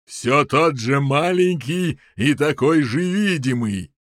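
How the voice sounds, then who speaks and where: A man's voice: on the high side, lively intonation, dry recording, clean studio sound. A man voicing Golopas, a drawling, bullying giant. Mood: gloating. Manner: slow, drawling and loud, with a strained, altered timbre. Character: huge menacing male giant, gloating and bullying. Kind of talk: audiobook character voice.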